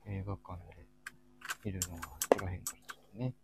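This man co-hosts a laid-back group chat livestream, introducing each topic in a courteous, halting way full of fillers. He speaks briskly in a low, steady tone, with background noise audible behind him.

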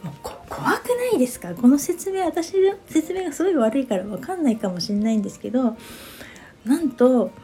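A woman in her fifties tells a story in a relaxed, chatty monologue with a mellow, warm tone. She keeps turning to her listeners to ask what they make of it, and faint music plays softly behind her. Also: high voice, a little fast. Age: 50s. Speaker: podcast host.

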